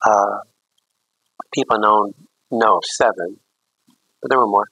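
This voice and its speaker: A man's voice: lowish voice, fairly even intonation, measured pace, creaky, bright, forceful tone, no echo, lo-fi sound. A man, a priest, teaching a catechism class in a rambling, anecdotal way with jokey asides.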